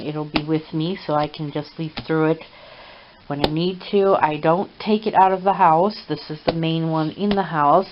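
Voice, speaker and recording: Low-voiced woman, halting home vlog. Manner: halting, many pauses and fillers. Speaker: vlogger. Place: at home indoors. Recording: dull lo-fi home video with hiss.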